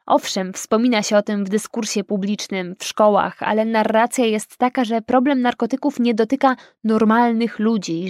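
Kobieta czyta audiobook w pierwszej osobie, spokojnie i równo. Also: female voice, a little high, a little mellow, no room sound, clean studio sound. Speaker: audiobook narrator. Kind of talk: first-person audiobook narration.

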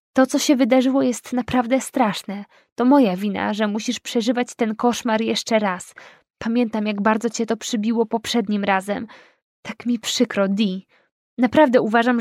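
Kobieta czytająca kwestie młodej przyjaciółki, mówi cicho, powoli i łagodnie, niemal szeptem. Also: female voice, a little high, dry recording, clean studio sound, natural voice. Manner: soft, hushed, slow speech. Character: gentle, worried young woman friend.

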